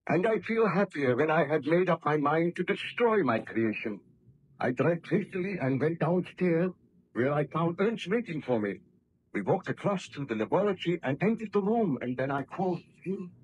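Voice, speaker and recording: A tormented mad scientist baron, highish voice, very theatrical, hissy 1930s radio drama. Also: male voice, very animated, moderate pace. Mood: somber, recounting. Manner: theatrical, formal diction. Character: anguished baron scientist who created a monster, prone to melodrama. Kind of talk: 1930s radio play acting. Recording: noisy vintage 1930s radio broadcast.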